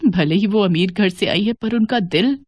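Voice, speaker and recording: A woman voicing a grieving widowed mother-in-law with a lower, slower, tearful delivery for an animated moral story. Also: no echo, close to an everyday voice. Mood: remorseful, tearful.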